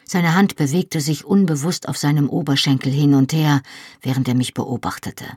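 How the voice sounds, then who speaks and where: A reader narrating a novel in the first person with measured storytelling. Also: female voice, deep voice, steady tone, a little mellow, slightly rough, no echo, studio quality. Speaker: audiobook narrator.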